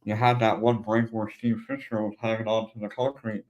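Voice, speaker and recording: A man's voice: lowish voice, level tone, a little fast, darkish tone, lo-fi sound. A middle-aged man hosting a podcast, chatting casually and drawing lessons from shared stories. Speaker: podcast host. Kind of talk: casual interview conversation.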